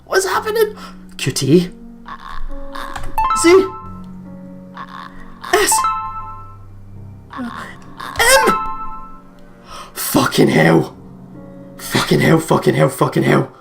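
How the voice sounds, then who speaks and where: A mid-pitched, excitable let's play host reads a horror visual novel aloud, breaking into casual, jumpy commentary with some swearing. He speaks very slowly with vocal fry and long pauses, while game music plays underneath.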